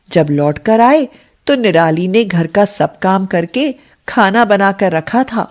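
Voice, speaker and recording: A woman's voice: mid-range voice, darkish tone. Woman narrating a sad story.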